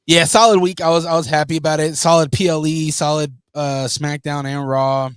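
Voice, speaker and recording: A man with a slightly high voice co-hosts a casual podcast, animated and teasing, with frequent laughs. His mic sounds dry and close, with little room sound. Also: moderate pace, clean tone, no echo. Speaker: podcast co-host. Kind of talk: casual chat.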